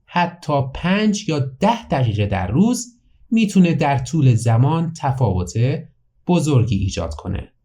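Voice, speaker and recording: Man teaching English slowly, lively pitch. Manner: reads English slowly and clearly, then translates quickly into Persian. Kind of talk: bilingual language lesson, slow English then Persian translation.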